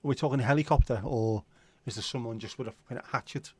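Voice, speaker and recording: A Scouse-accented man from Liverpool, middle-aged, hosts a livestream where he banters, jokes and swears freely while answering viewers' comments. His mid-range voice is fast and slightly rough, with no echo.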